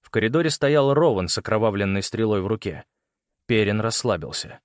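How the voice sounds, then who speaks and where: A man narrating an audiobook in a measured, dramatic storytelling manner. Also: on the low side, lively intonation, no echo, clean studio sound. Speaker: audiobook reader.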